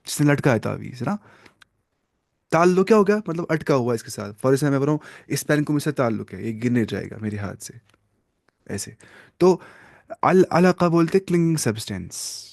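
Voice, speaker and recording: A man's voice: mid-range voice, creaky, darkish tone, no room sound, studio quality. A man teaching a religious lesson, asking his listeners questions and repeating key terms as he explains them. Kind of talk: classroom lesson on hadith.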